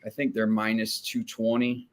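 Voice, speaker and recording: Speaking at normal speed in a lowish monotone, a New Jersey man chats casually as a guest about soccer betting. The talk rambles, with repeated words, restarts and many fillers.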